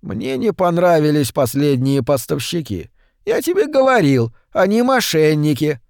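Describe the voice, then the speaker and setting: A frail, sinister old man grumbles his words slowly and peevishly, as a male narrator puts him on. His voice sits a little higher than the reader's own, close and dry. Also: sing-song, vocal fry, darkish tone, no echo. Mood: grumbling.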